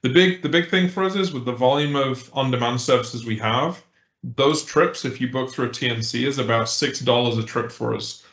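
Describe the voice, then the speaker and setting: A man's voice: medium pitch, normal speed, a bit bright. Male presenter, businesslike, on a glitchy, cutting-out video call with an echoey, muffled line. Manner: businesslike with filler uhs and restarts. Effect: glitchy, cutting-out call audio. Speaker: transit agency presenter. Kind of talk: meeting update over a call. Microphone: remote video call. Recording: dull, echoey remote call audio.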